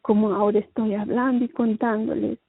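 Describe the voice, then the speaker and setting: A woman giving an emotional religious testimony, speaking slowly and haltingly and often repeating her phrases. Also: on the high side, little pitch movement, husky, no echo. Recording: dry, tinny phone-like line.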